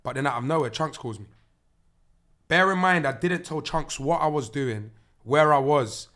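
A young man with an urban London roadman accent and a bright, forceful voice that sits a little high. He talks in loose, animated street slang, like a podcast host telling a story among friends. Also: normal speed. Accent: London, urban street (roadman) style. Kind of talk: animated casual chat with slang-heavy storytelling.

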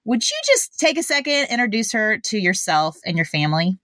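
A woman's voice: mid-range voice, very animated, a little fast, fairly bright tone, dry recording, studio quality. A woman hosting a conversational podcast in an earnest, encouraging way. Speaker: podcast host.

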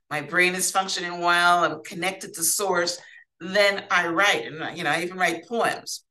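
A woman's voice: on the low side, pushed and bright, far from the mic, rough recording. A woman hosting an informal solo self-help podcast, giving conversational advice as a coach and often checking in with the listener. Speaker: podcast host and life coach.

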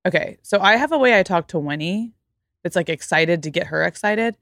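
Chatty low-voiced woman podcast host. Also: lively intonation, a little fast, fairly bright tone, dry recording, clean studio sound. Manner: chatty, emphatic, lots of "like". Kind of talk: casual podcast chat and read ad.

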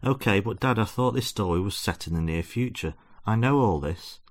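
A man's voice: on the low side, lively intonation, moderate pace. A man reading a comic story and voicing a small boy who asks his father doubtful, innocent questions. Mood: curious.

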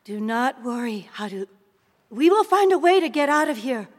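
A woman playing a brave, calm mother who talks softly and steadily to her young son. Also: on the high side, normal speed, long reverb tail. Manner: soft, steady and reassuring.

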